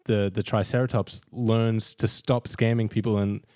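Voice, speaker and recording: A man co-hosting a comedy podcast, delivering absurd claims with an earnest, deadpan tone. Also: on the low side, moderate pace, no room sound, clean studio sound. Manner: earnest deadpan, short agreeing replies. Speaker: podcast co-host. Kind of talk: improvised comedic movie chat.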